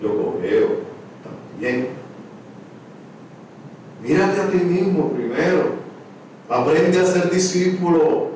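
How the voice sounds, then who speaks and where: A man preaching a sermon, swinging from shouts to hushed words. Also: on the high side, expressive, slow, pauses often, a little hiss or hum. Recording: echoey, distant room mic.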